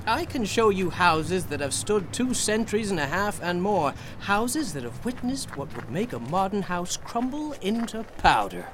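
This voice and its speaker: In a radio drama, a male actor plays an eccentric, boastful painter of horrors, speaking fervently and persuasively in a high-pitched voice. There's slight background noise.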